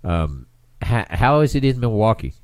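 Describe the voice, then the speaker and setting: A man's voice: on the low side, sing-song, moderate pace, no echo. A male radio host with a stuffed-up nose, chatting in a rambling way and often restarting his phrases. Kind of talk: casual radio interview.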